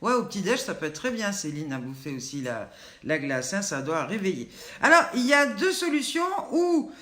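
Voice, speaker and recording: A woman's voice: medium pitch, big pitch swings, moderate pace, sharp tone. An older woman with a Southern French accent hosts a casual live cooking chat, joking and talking straight to her viewers by name. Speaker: online show host. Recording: roomy echo.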